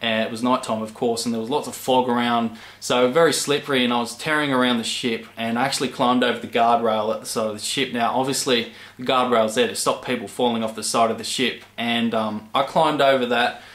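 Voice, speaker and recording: Young Australian man, flat delivery. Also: medium pitch. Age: 20s. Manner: rambling, with many pauses. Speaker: channel host. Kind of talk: casual chat to camera. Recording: echoey room.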